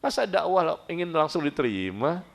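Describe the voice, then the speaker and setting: A middle-aged man preaching a humorous sermon to a study gathering, joking and often jumping high in pitch for emphasis. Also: sing-song, moderate pace, gravelly.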